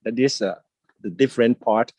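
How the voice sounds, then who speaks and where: Hosting a relaxed live video chat from home beside a plant-filled window, this older man from Thailand talks in a halting way, full of fillers and hand gestures. His medium-pitched voice is slightly mellow with a breathy edge, and there's no echo on his earphone mic.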